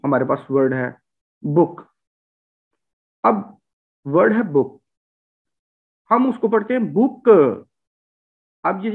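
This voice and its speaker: A man from Punjab teaching English vowel sounds in a lecture, repeating example words with heavy stress. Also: fairly high pitch. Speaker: language teacher. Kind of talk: spoken phonetics lecture. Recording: tinny phone-like sound.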